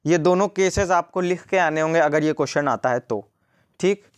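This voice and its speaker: A man's voice: fairly high pitch, normal speed, clean tone. A young man tutoring students through their notes in a casual mix of Hindi and English, often saying "ठीक". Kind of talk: screen-recorded study lesson.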